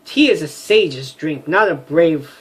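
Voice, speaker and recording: Guy doing a solemn winged warrior lady from a game, lofty and mystical, slow. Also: fairly high pitch, lively intonation, breathy edge, pitched above the performer's own voice. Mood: proud.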